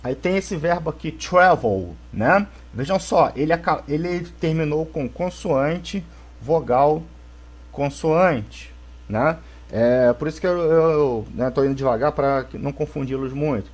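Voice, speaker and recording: A male teacher with a Brazilian accent gives a recorded English grammar lesson to schoolchildren. He explains slowly and keeps checking in with the class. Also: fairly high pitch. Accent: Brazilian Portuguese. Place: home, for a video lesson.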